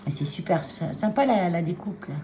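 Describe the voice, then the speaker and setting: Woman, lowish voice, casual vlogger at her desk on a phone stand, halting and filler-heavy, faint background noise. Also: lively intonation. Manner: chatty, hesitant, many fillers and restarts. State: clearing a frog in her throat. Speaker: craft vlogger showing cards. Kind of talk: casual chat to camera. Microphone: phone camera on a taped stand.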